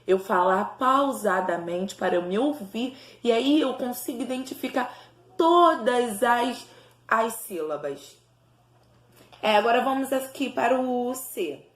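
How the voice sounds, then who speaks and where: A primary school teacher records a remote lesson for young pupils in an echoey room. She speaks slowly, enunciating syllable by syllable for the children, in a fairly high, animated voice.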